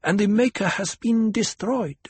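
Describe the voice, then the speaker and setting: A man voicing an earnest young girl acting as priestess, speaking slowly and formally with a faint quaver. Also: high-pitched, a little mellow, breathy edge, no echo, pitched above the performer's own voice. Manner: slow, formal, ceremonial questions. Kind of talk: audiobook character voice.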